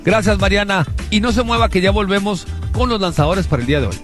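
A man's voice: high-pitched, fast, loud music behind the voice. Upbeat male sports radio host. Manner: friendly, bantering.

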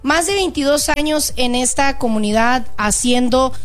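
A woman from Jalisco hosting a real estate radio talk show, pitching services upbeat and reading the phone number slowly. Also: soft background music. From Jalisco, Mexico.

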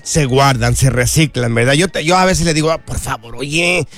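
A man's voice: mid-range voice, moderate pace, creaky, fairly bright tone. A Mexican man hosting a radio show, chatting casually and greeting callers affectionately. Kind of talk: casual radio chat taking calls.

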